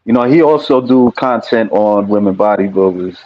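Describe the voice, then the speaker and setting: A male interview host asks his questions over a video call. He speaks haltingly, with frequent ums and restarts. His voice is low, and the audio sounds dull and lo-fi.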